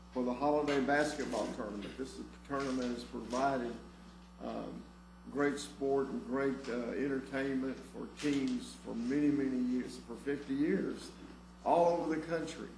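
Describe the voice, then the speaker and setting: A man, a county commissioner, making informal, halting remarks at a public meeting. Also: mid-range voice, steady tone. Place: indoor government meeting chamber. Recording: echoey room with clear background noise.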